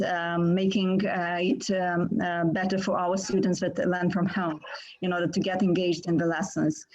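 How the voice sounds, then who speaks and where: A woman teacher giving remarks on a conference panel in a hesitant, measured way. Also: medium pitch, darkish tone. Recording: dull video-call audio.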